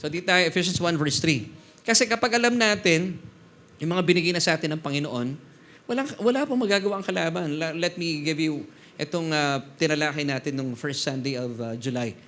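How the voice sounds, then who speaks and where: A middle-aged man from the Philippines preaching a sermon as pastor, animated and often prompting the congregation for a response. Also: fairly high pitch, fairly quick.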